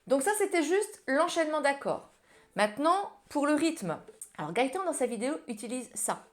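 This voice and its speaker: A woman's voice: sits high, big pitch swings, normal speed, loud music behind the voice. A woman giving a casual ukulele lesson, talking informally and directly to the viewer. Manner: friendly, informal, addresses viewer as tu. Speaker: ukulele teacher. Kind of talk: casual music tutorial. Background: ukulele playing.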